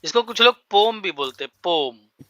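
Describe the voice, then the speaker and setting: Man, class teacher, thinks aloud, bright and clear, a bit high-pitched. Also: dry recording. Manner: explains words slowly, spells them out, thinks aloud. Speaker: English teacher. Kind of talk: spoken English class for Hindi speakers.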